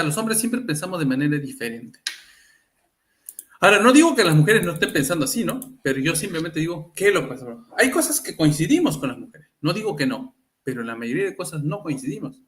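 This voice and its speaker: A man's voice: fairly high pitch, a bit bright. A man hosting a casual live talk, often turning to his listeners with rhetorical questions. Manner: keeps asking the audience rhetorical questions; acts out quoted people. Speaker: livestream host.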